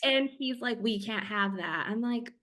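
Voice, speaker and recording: A woman's voice: on the high side, a little slow. A middle-aged woman from Michigan, a podcast guest, telling her story in casual chat and acting out the lines of the people in it. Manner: animated storytelling with acted-out quotes and laughter.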